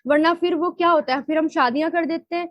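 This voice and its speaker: A woman teaching Quran grammar and tafseer. She asks questions and answers them herself, and slows down to spell out Arabic word forms. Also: very high-pitched, steady tone, no room sound.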